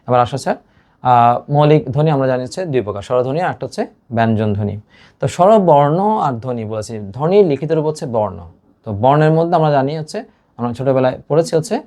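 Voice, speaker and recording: A man's voice: medium pitch, darkish tone. A male teacher gives an online exam-prep lesson to his students. He explains step by step and mixes English words into his speech.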